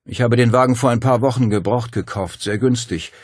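Man voicing a calm practical man. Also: medium pitch, brisk, no room sound, studio quality, voice pushed up, close to an everyday voice.

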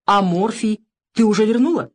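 A woman's voice: mid-range voice, normal speed, pitched above the performer's own voice, natural voice. A woman reading the lines of a curt, angry young man, a former soldier, in an audiobook. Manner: curt, gruff.

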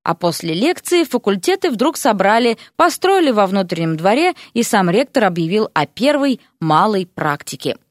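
A woman reading a fantasy audiobook in a lively, characterful way. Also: medium pitch, normal speed, few pauses, no room sound, studio quality. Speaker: audiobook narrator.

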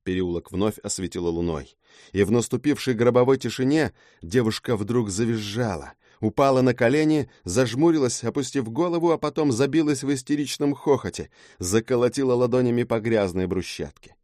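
A man's voice: mid-range voice, fairly quick, a little mellow, no room sound, clean studio sound. A man narrating a fantasy audiobook in the first person with a dramatic delivery.

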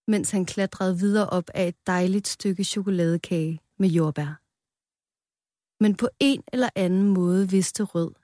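A woman reading a children's story aloud in a calm, playful storytelling manner, close to the mic. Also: on the low side, no echo.

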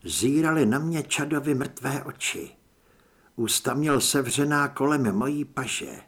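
A man's voice: medium pitch, fairly bright tone, husky. A man narrating an audiobook in a dramatic first-person reading. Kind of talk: scripted narration.

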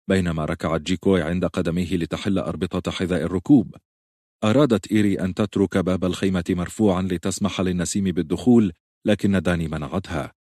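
A man reading a novel as an audiobook narrator, in a steady, measured way. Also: deep voice, no room sound, clean studio sound.

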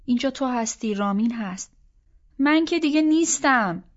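A woman reading the lines of a worried older mother who speaks with soft, subdued reproach, in an audiobook. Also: fairly high pitch, lively intonation, close to an everyday voice. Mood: hurt. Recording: slightly dull audiobook recording.

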